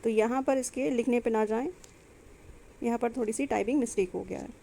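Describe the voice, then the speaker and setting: High-voiced woman teaching biology. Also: brisk, vocal fry, mellow. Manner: explains step by step, asking and answering her own questions; mixes in English terms and sentences. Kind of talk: exam-prep lecture.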